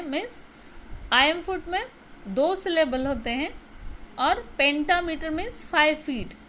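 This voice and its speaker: High-voiced woman teaching in slow, patient Hindi-English. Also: sharp tone, slight background noise. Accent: Indian English. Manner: patient, explanatory, repeats key terms. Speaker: college English lecturer. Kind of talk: classroom lecture explaining poetry.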